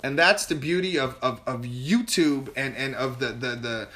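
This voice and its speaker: A man guest in an interview telling a candid personal story, animated and emotional, often restarting and repeating words. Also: medium pitch, normal speed. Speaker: podcast guest.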